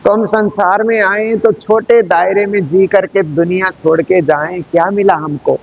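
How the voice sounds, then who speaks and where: A man giving a slow devotional discourse as a spiritual teacher. He speaks in a measured way and repeats phrases for emphasis. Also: high-pitched, fairly even intonation, vocal fry, dull audio.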